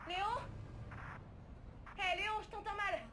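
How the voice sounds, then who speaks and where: A woman's voice: very high-pitched, little pitch movement, unhurried. Young woman survivor calling over a crackly walkie-talkie, urgent and breathless, game dub. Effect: crackly walkie-talkie radio voice. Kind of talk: dubbed video game dialogue. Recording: noisy distant radio transmission.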